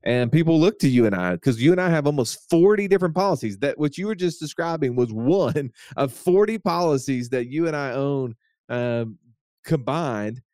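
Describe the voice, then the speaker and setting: A man hosting a podcast, welcoming his co-host and introducing the episode in a relaxed, steady way. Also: fairly high pitch, normal speed, no room sound, clean studio sound. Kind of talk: casual chat.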